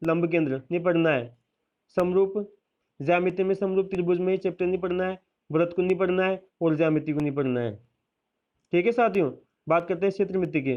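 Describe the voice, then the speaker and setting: A man's voice: high voice, muffled recording. A man teacher, steadily listing a school syllabus and adding reassuring asides.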